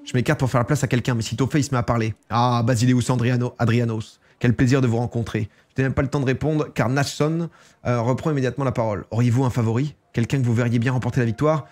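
A man's voice: medium pitch, fairly even intonation, quick pace, a little mellow. A man casually commenting while he plays a strategy game, chatting and reading game text aloud. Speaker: gaming streamer. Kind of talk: casual let's-play commentary.

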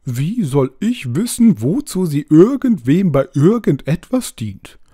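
A man voicing an indignant, bossy owl with a hoarse voice in a storybook reading. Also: fairly high pitch, very animated, takes it slowly, dark tone, no room sound, clean studio sound, pitched above the performer's own voice, full character voice. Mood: bossy, frantic. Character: furious, soaked, selfish owl. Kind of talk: audiobook character voice.

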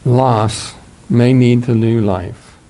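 A man in his sixties with a Midwestern American accent, preaching a sermon in a small church and reading scripture at a measured pace. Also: mid-range voice, steady tone, dark tone. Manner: measured, reads scripture aloud from a booklet. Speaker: pastor.

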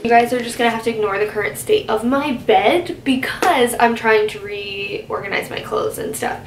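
A woman's voice: fairly high pitch, moderate pace, echoey room, soft background music, rough recording. A young woman in her twenties talking casually to camera in a vlog, full of "like" and little asides. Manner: chatty, filler-heavy, with "like" and "I guess you could say". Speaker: vlogger. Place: car, then bedroom at home.

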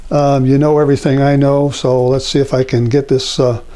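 Older man teaching painting, mellow voice. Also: mid-range voice, fairly quick. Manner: rambling, relaxed, many fillers and restarts. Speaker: painting instructor. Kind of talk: casual painting demonstration. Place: home painting studio at an easel. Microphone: lapel mic.

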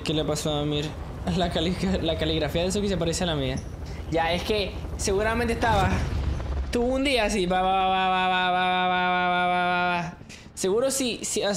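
Young guy on a live game stream, rambly and jokey, tosses in english slang, lots of hiss and game clicks behind him. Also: high-pitched. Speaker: gaming streamer. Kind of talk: casual live-stream chat with viewers. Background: game sounds and clicks.

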